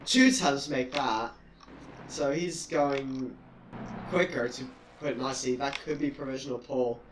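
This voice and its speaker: A man's voice: mid-range voice, unhurried. A man co-commentating a live sim racing stream in a dry, laid-back way, reading off lap times. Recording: roomy, distant mic with noise.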